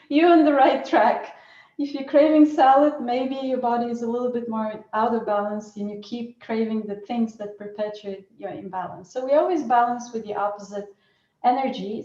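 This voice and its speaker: Over a video call with roomy, muffled audio, a woman teaches Ayurvedic cooking. Her voice is fairly high yet dark in tone, and she explains patiently while often restarting her phrases.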